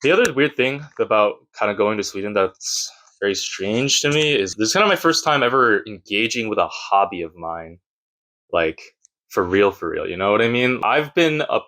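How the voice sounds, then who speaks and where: A man's voice: fairly low pitch, fairly bright tone. A man who makes videos and streams, talking nervously and self-deprecatingly in a casual vlog from a sparse room at home. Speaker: YouTuber and streamer.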